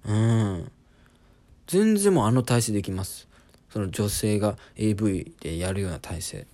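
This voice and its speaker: A man's voice: lowish voice, animated, normal speed, mellow. A man in his twenties, a comedian hosting a podcast, telling an embarrassing story in a casual, self-deprecating comic monologue. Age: 20s.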